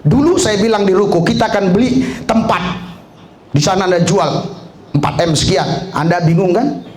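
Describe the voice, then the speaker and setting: A man preaching a lively sermon, animated, breaking into shouts and laughter, with frequent hallelujahs. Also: high-pitched, moderate pace, roomy sound, slight background noise.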